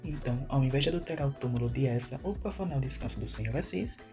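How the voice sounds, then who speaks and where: A man's voice: medium pitch, animated, fast talker. A man reading a prepared explanation aloud as a student presenter. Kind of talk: read-aloud narration. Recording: narration over loud background music.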